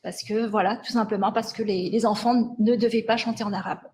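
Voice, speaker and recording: A woman's voice: medium pitch, fairly even intonation, a little fast, a little mellow. A woman giving a lecture with slides on language sciences, speaking hesitantly and often restarting and correcting herself.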